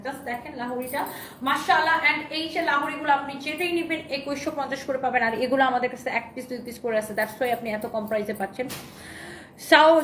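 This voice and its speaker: A woman runs a live sales stream, holding up dresses, reading viewers' comments aloud and thanking them. Her voice sits high, and she mixes English phrases into her talk. The room echoes, with a faint noise underneath. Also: fairly bright tone. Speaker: online clothing seller.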